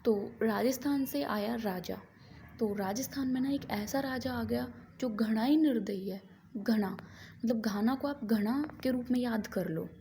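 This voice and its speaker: Soft-spoken young woman tutoring. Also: fairly high pitch, unhurried, a little hiss or hum. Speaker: exam-prep tutor. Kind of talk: casual explainer video.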